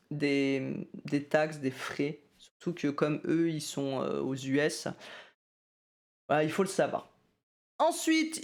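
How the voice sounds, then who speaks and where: A man walking through a music-selling site's settings in a casual screen-recorded tutorial, talking loosely with lots of hesitations and self-deprecating asides. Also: on the high side.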